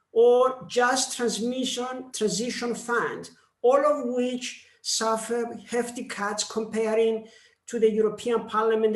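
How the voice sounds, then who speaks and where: Speaking with a Greek accent, this male parliamentarian gives a formal talk at a seminar, pacing himself slowly and deliberately and pausing along the way. The voice is very high, and the space echoes with reverb.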